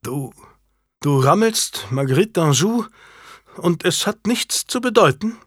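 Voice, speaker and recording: A man voicing a sharp-tongued noblewoman, a wronged wife who turns scornful and biting, in an audiobook. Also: mid-range voice, lively intonation, moderate pace, slightly rough, no room sound, studio quality. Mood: furious. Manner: scornful, biting, rising to shouted accusations. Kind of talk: audiobook character reading.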